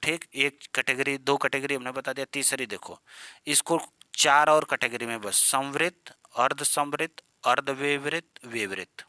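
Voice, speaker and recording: A man's voice: mid-range voice, steady tone, moderate pace, bright, forceful tone, no echo. A man teaching an exam-prep grammar lesson in a chatty, coaxing way, calling his students "beta" and "yaar".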